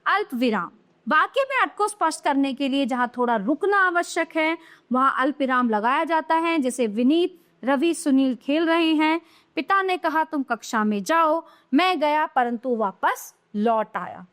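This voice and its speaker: A woman's voice: high voice, lively intonation, normal speed, a bit bright. A woman teaching a grammar lesson to young children, explaining patiently and answering her own questions.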